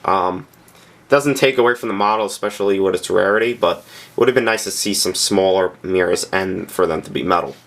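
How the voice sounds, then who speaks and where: A man with a deep, low-pitched voice walks through a scale model in a casual review. He speaks plainly and candidly, stopping often to fill gaps with small hesitations as he points things out. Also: fairly bright tone. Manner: hesitant and unscripted, frequent "um" and "uh" pauses. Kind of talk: casual product review narration.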